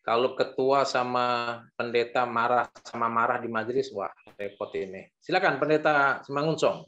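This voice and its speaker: A man's voice: mid-range voice, normal speed, a bit bright, lo-fi sound. Male host moderating a video-call discussion, friendly, keeps inviting questions. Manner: friendly, inviting, frequent "ya" and "silakan". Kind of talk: moderating an online Bible study discussion.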